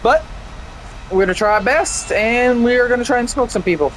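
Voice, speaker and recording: A man's voice: extremely high pitch, brisk, a bit bright, slight background noise. Chatty young man narrating gameplay. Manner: rambling, chatty, restarts often. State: hiccups. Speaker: gameplay streamer. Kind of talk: casual gameplay commentary.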